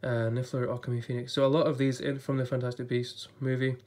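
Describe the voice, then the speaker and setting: Fast-talking and a little mellow, this man's mid-range voice has little pitch movement and sounds a bit off while he recovers from illness. He's a YouTuber flipping through an illustrated book in a casual vlog, chatting and thinking aloud at an indoor table before a blue backdrop. A little hiss or hum can be heard.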